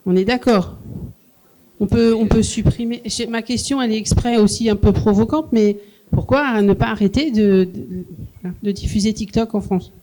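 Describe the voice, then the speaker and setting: An audience member asking a question softly and haltingly, repeating words. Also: medium pitch, rough recording. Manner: soft-spoken, halting.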